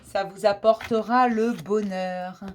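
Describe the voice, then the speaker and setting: A woman hosting a daily card-reading message, speaking gently and reassuringly to her viewers and often repeating herself on purpose. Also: mid-range voice, fairly even intonation, takes it slowly, a little hiss or hum. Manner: warmly addresses viewers as dear ones. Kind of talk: casual spiritual advice to viewers.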